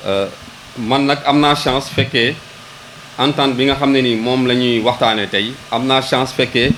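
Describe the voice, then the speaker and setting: Speaking a little slowly in a steady, mid-range, somewhat bright voice, a Senegalese-accented local government official addresses a public ceremony. He falters, repeats words while hunting for the next, and alternates Wolof with French. The low-quality recording has slight background noise.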